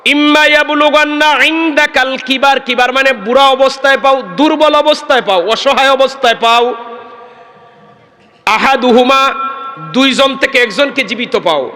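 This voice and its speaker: A man's voice: very high-pitched, unhurried, sharp tone, long reverb tail. A man preaching a sermon with fervor, chanting verses and calling out to the crowd. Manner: fervent, chanting Quranic verses, calls out to the crowd.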